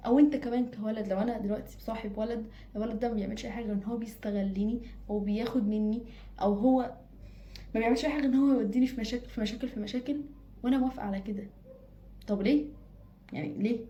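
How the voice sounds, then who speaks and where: An advice vlogger with an Egyptian Arabic accent talks casually to the camera she's filming herself with, in a fairly high-pitched, dark-toned voice. She's emphatic, repeating phrases for stress, and the audio is lo-fi.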